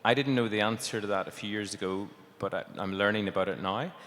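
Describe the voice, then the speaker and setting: A man's voice: fairly low pitch, quick pace, fairly bright tone. A man with an Irish accent asking a brief, polite question from the floor of a conference hall. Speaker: audience member asking a question. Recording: reverberant hall with faint noise.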